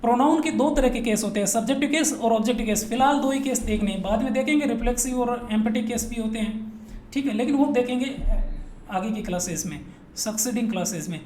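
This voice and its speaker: A man's voice: very high voice, fast talker, darkish tone. Echoey male teacher drilling students playfully. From Rajasthan, India. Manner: drills students, asks and answers his own questions; playful, repetitive. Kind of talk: classroom grammar lesson. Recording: echoey room with faint noise.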